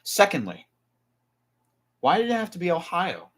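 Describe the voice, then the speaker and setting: A man's voice: high voice, wildly swooping pitch, moderate pace, a bit bright. A man from New Jersey chatting casually on a live stream, rambling with restarts and asides while reading definitions aloud.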